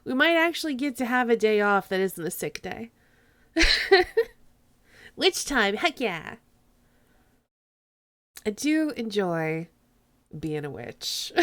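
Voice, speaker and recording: A woman's voice: mid-range voice, a bit bright. A woman live streamer chatting casually and playfully over a game, with sing-song greetings.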